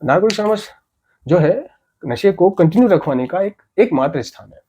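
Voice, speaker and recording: A man's voice: high-pitched, animated, normal speed, mellow, husky. A man giving an earnest, motivational talk about staying off drugs, repeating key points and asking rhetorical questions. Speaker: addiction recovery speaker.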